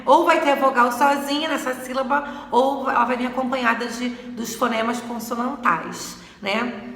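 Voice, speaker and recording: A Brazilian woman with a high-ish, sharp voice teaches a recorded video lesson for sixth graders, stretching out and repeating words to stress their syllables. The room is echoey with long reverb.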